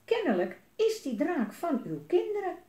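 A woman voicing a cowardly male mayor with a squeaky, nervous, blustering voice, in a roomy space. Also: huge pitch swings, moderate pace, dark tone, heavily acted. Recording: roomy echo.

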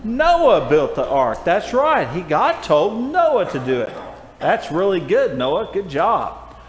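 A man's voice: high-pitched, wildly swooping pitch, slow. An older man teaching a children's Bible class, friendly and coaxing as he calls on the kids by name, in a church auditorium recorded from a far camera. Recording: echoey hall from afar with faint noise.

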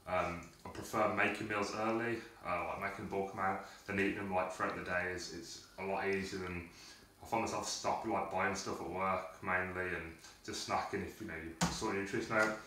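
A man's voice: low voice, fairly even intonation, fairly quick. A young man chatting casually through a video diary in his small home kitchen, rambling with lots of fillers, picked up by a camera across the room. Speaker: fitness vlogger. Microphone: camera mic from across the room. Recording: echoey kitchen, camera far off, noisy.

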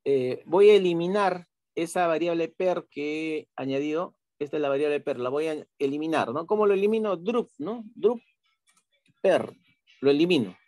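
A man teaching an online class patiently walks through software steps, repeating himself and checking in with tag questions. His voice sits on the high side at a normal speed. The studio-quality recording has no echo.

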